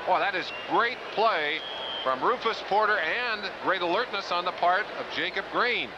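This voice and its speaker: A man's voice: sits high, animated, moderate pace, noisy background. A man giving enthusiastic, explanatory live football commentary. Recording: muffled broadcast, loud stadium crowd.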